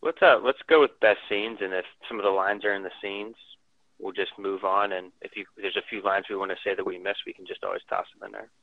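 A podcast co-host reads a film synopsis aloud and then chats loosely, his voice coming through a tinny phone line. He talks fast in a lowish, steady voice, with dry recording.

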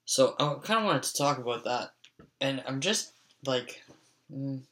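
A man's voice: medium pitch, expressive, a little slow, a bit bright. A young man telling casual, profane stories, rambling with constant fillers. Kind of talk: casual storytelling monologue.

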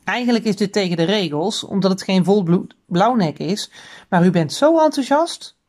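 A kindly female shopkeeper from a children's storybook, put on by a woman reading aloud. She speaks in a friendly, confiding voice with lively rises and falls. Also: medium pitch, normal speed, natural voice. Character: kind female pet shop seller.

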